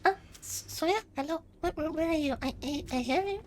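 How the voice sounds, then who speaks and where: Hesitant high-voiced woman streamer. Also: a little fast, a little hiss or hum. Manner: hesitant, stuttering starts. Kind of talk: in-character game roleplay.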